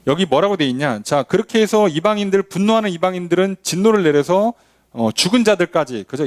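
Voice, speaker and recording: A male pastor delivers a sermon in a church, pitched fairly high and moving through a wide melodic range. He keeps turning statements into rhetorical questions for his listeners. The sound is close and dry, with almost no room echo. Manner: animated preaching with frequent rhetorical questions to the congregation.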